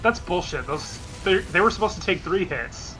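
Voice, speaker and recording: A man's voice: high-pitched, expressive, moderate pace, fairly bright tone, soft background music, rough recording. A man giving casual, sarcastic and foul-mouthed commentary over a video game. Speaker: let's play commentator.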